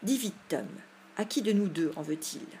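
A woman's voice: medium pitch, lively intonation, normal speed, mellow, a little hiss or hum, natural voice. A woman voicing a timid, scruffy young boy in an audiobook, asking anxious, fretful questions. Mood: panicked. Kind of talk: audiobook character voice.

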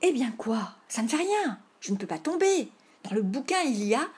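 A woman's voice: mid-range voice, sing-song, moderate pace, a little mellow. A woman voicing a bold boy playing an outlaw hero in an audiobook, proclaiming his lines theatrically. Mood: insistent. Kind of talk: audiobook reading.

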